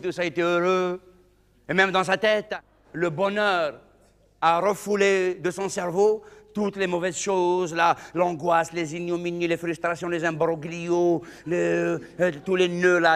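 Animated male comedian on a theatre stage. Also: high-pitched. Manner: animated, playful, dramatic pauses. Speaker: stand-up comedian. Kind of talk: comic storytelling on stage. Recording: reverberant hall, faint noise.

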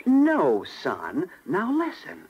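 A man voicing a small folksy cricket mentor in a vintage animated film, kindly, hesitant and stammering. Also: sits high, drawn-out words, highs cut off, heavy background noise, heavily acted. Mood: encouraging. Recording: vintage film soundtrack, music behind.

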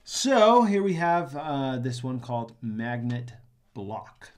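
A man's voice: mid-range voice, very animated, slow pace. A young man sitting at a desk in a small studio, casually critiquing ads to the camera in an upbeat way, with lots of "um"s. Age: young adult. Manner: upbeat, many "um"s and "right?". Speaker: marketing reviewer.

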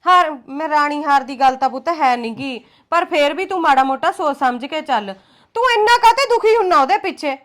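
A woman's voice: high voice, animated, brisk, fairly bright tone. An actress playing a scheming mother who coaxes and scolds her grown son in a short film drama. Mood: coaxing. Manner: coaxing, then scolding. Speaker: actor.

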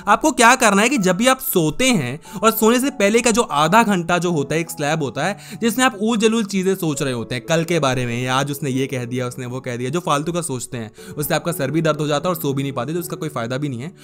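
A man's voice: on the high side, fairly quick, few pauses, a bit bright, faint music behind. A man giving casual self-help advice straight to the viewer, chatty and direct, calling the listener brother. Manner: chatty, addresses viewer as brother, mimics people. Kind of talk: casual Hindi advice talk to camera.

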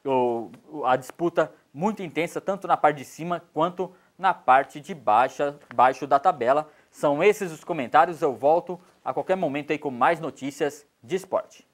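A man in his thirties, a sports commentator, talking through results in a small TV studio on a lapel mic, brisk and informal with many fillers. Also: on the high side.

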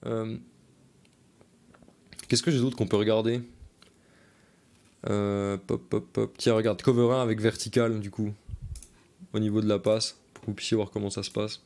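Casual coach breaking down film. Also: male voice, lowish voice, level tone, moderate pace, pauses often, darkish tone. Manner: casual and chatty, explains by repeating his points, reads viewer comments. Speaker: football coach. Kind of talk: live stream breakdown of game film.

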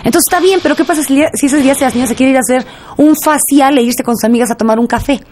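A woman, a guest expert on a radio interview, explaining in a lively, teacherly way and speaking directly to listeners. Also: sits high, rapid-fire, slight background noise.

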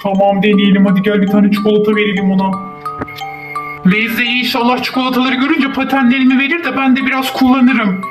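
A man's voice: extremely high pitch, little pitch movement, fast talker. A man voicing a whiny toy neighbor man who complains in a plaintive, childlike way about losing his skates. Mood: pleading. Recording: echoey room, voice from far off. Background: music.

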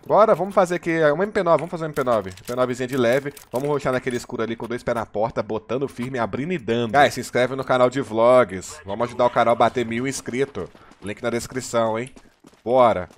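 Fast-talking Brazilian gamer man. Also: medium pitch, slight background noise. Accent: Brazilian Portuguese. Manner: hyped, slangy banter, calling plays. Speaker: gaming streamer. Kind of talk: live gameplay commentary with teammates.

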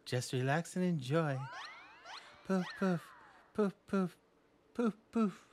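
A man's voice: sits high, lively intonation, noisy background, pitched above the performer's own voice. A man doing a sultry fake-French spa attendant. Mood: seductive. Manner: sultry, teasing, drawn-out delivery.

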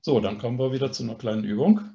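A man's voice: mid-range voice, rapid-fire, gravelly, warm tone, highs cut off. A man teaching a language course, explaining grammar patiently and often checking in with a questioning "ne?". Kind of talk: online language lesson.

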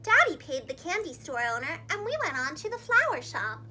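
Seated against a plain wall in a small room, a young adult woman reads to little kids in preschool-teacher style, a little fast. Her very high voice rises and falls widely with dramatic expression, over a faint hum of noise.

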